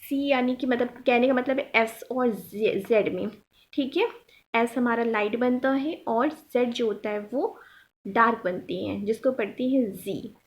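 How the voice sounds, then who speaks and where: A woman's voice: on the high side, unhurried. A woman teaching shorthand step by step, patiently repeating each point and checking that her students follow. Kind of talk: step-by-step tutorial explanation.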